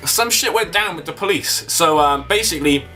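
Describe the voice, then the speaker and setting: A man's voice: fairly high pitch, expressive, moderate pace, bright, forceful tone, soft background music. A young man chatting casually to camera, telling a rambling, sweary story. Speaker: vlogger.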